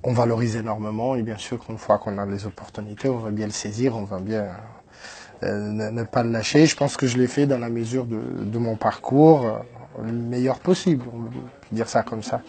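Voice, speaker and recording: Warm and breathy-edged, this medium-pitched voice holds a steady tone at a moderate pace. It's a Portuguese-native entrepreneur from Brazil, in his 30s, telling his life story in French on radio, hesitant and full of restarts and fillers.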